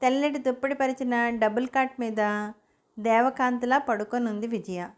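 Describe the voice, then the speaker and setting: High-voiced woman narrating a story. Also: moderate pace. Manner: steady, expressive storytelling. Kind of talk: audiobook narration.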